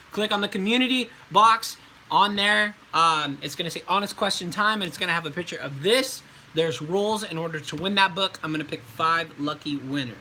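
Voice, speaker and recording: This is a voice actor hosting an easygoing livestream Q&A, rambling as he responds to viewers and scattering ums and likes throughout. His voice is very bright and cutting, fairly high for a man. There's a little hiss or hum on a rough recording.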